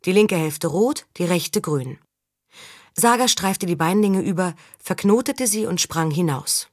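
A woman reading a historical novel aloud in calm, even storytelling. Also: lowish voice, unhurried, dry recording, studio quality. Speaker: audiobook reader. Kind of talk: scripted narration.

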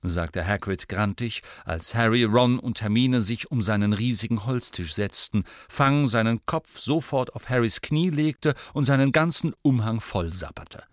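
A man narrating a story in a steady, even storytelling voice. His pitch sits in the middle, and the recording is dry with no room sound. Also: unhurried, hardly any pauses, dry recording. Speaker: audiobook reader. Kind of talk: scripted narration.

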